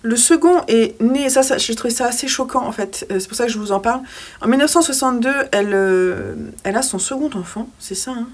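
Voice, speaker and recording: A young woman book vlogger gives a casual review of a poetry book she read, speaking briskly in a fairly high, darkish voice. She often hesitates with fillers and restarts, and occasionally reads poems aloud.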